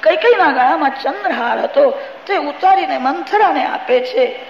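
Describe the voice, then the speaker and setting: Brief: male religious storyteller, high raspy-gravelly voice, live in an echoing hall. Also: animated, normal speed, dull audio, slight background noise. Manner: storytelling with moral asides to the audience. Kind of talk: devotional scripture storytelling sermon. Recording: live hall recording, reverberant.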